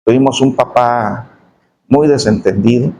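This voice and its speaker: A middle-aged man telling a testimony in a sermon, his voice dropping low and slow on painful memories. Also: darkish tone, rough recording. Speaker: preacher giving testimony.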